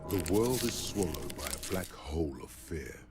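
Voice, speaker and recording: A sinister inner narrator in a video game that taunts the hero in the second person. His voice sits low and deadpan. Faint game music plays behind. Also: normal speed. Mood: ominous. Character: ominous male inner-voice narrator.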